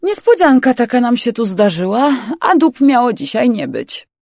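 A crude, mocking young male crewman who gets excited and swears freely, as a woman puts him on. The voice is gravelly and dry. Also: mid-range voice, normal speed, no echo.

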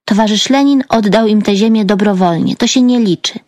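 This is a cheeky, mocking teenage girl from an audiobook, pitched well above the reader's own voice , as a woman narrator puts her on. She teases in a bright, playful way. It is recorded in a dry, close room. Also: brisk, no room sound, close to an everyday voice. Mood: teasing. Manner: mocking, giggly, provocative.

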